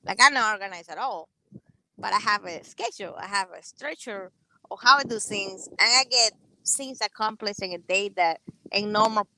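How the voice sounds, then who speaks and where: A woman from Cuba with a Cuban Spanish accent, a guest on a video call, talking animatedly with loud bursts and quick asides, recorded outdoors on an earbud mic. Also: mid-range voice, slight background noise, poor audio. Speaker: guest, Army veteran and entrepreneur. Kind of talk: casual interview conversation. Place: outdoors on a sunny patio. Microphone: wired earbud headset on a video call.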